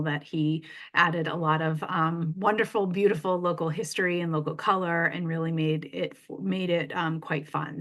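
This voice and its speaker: A woman co-leading an information session, explaining plans in a friendly, casual way with frequent "um" pauses and restarts. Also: fairly low pitch, a bit bright. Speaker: trip co-leader presenting an information session.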